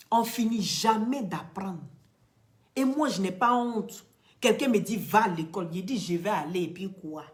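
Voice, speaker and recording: In a mid-range voice, an Ivorian social media commentator lectures the camera with passion and emphasis, her French carrying an Ivorian accent. She is a native speaker of Dioula or another Ivorian language, and her sermon-like delivery alternates between loud highs and soft, whispery asides.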